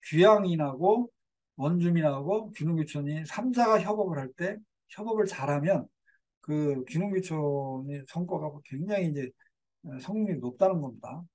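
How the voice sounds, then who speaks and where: A man's voice: fairly high pitch, animated, moderate pace, darkish tone. An older man giving a community lecture in a digressive way, with fillers and self-corrections.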